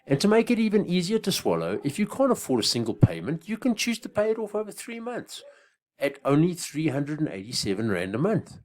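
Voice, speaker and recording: A man, a business coach delivering a scripted sales pitch that builds up to each price drop. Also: wildly swooping pitch, a little fast, darkish tone. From Africa. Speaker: business coach selling an online course.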